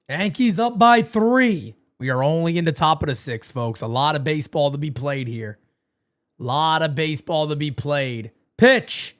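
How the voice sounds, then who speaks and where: At a live watch party for fans, a man narrates the game play by play and talks with viewers at an unhurried pace, his pitch fairly high. He's going hoarse but stays excitable, swearing freely and shouting when big plays happen.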